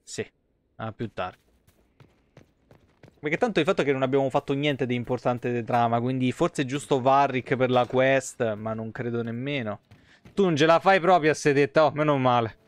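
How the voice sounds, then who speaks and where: This game streamer is a man in his thirties with a Roman Italian accent and a mid-range voice, speaking at a normal pace. Sitting in a small indoor room, he gives loose, sweary, slang-filled live commentary on a video game, muttering asides as he plays.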